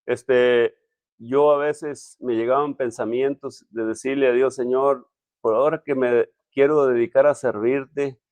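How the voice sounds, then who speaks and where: A man, a pastor, telling his personal testimony in a halting, emotional way with many restarts. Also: medium pitch, darkish tone, no echo. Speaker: pastor, interview guest.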